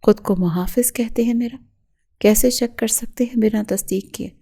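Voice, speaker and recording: A terrified young woman begs and sobs, stumbling over her words, as a woman narrator voices her. The tone is warm and mellow, a storybook reading rather than full acting. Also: fairly high pitch, vocal fry. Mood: tearful pleading. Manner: tearful, pleading, stammering. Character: frightened young woman student, pleading and sobbing.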